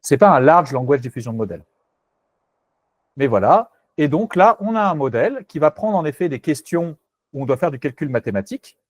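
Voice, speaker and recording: A man's voice: on the high side, sing-song, brisk, dry recording. A man presenting a technical webinar, hesitant and self-correcting, candid and skeptical in tone.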